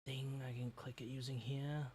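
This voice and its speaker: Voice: mid-range voice, little pitch movement, normal speed, a little mellow, a little hiss or hum. A streamer chatting casually as host of a livestream, rambling and muttering to themself while working.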